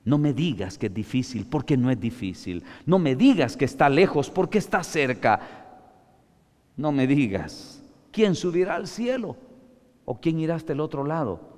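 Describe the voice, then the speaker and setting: A man preaching an emphatic sermon, reading scripture slowly and calling the listeners brother. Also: a little high, very animated, a little mellow, in a large hall.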